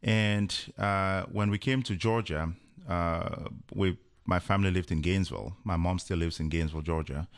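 Man, 30s, very low voice, unhurried storytelling, lots of fillers. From Cameroon. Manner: unhurried, with many fillers and restarts. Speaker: guest. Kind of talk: telling a personal story in an interview.

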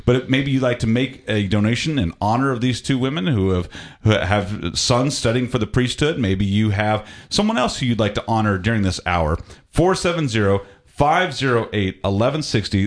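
A man hosting a radio fundraiser, upbeat and chatty, repeating the call-in number and interviewing guests in the studio. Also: mid-range voice. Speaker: radio host.

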